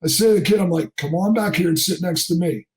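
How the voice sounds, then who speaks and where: High-voiced man telling a wild story. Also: fast, a little mellow. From New Jersey. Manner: acts out quoted people in raised voices. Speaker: charter fishing captain, guest. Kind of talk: animated storytelling in a podcast interview.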